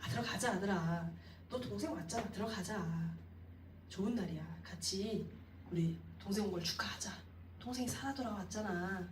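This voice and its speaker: A woman doing a gently coaxing father. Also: medium pitch, normal speed, slight background noise, lightly acted. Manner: soft, coaxing. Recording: roomy echo, distant mic.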